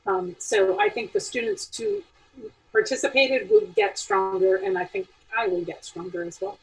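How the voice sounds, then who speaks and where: A woman on the theatre faculty, talking from her home attic in a panel over a video call, animated and patient, thinking aloud with restarts. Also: very high voice, moderate pace, creaky, recorded from a distance, rough recording.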